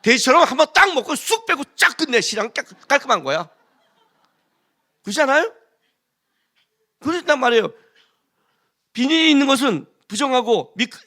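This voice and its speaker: Pastor, middle-aged man, lively high-pitched sermon delivery, keeps challenging the pews with questions. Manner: animated, rhetorical questions to the congregation, acts out quoted voices.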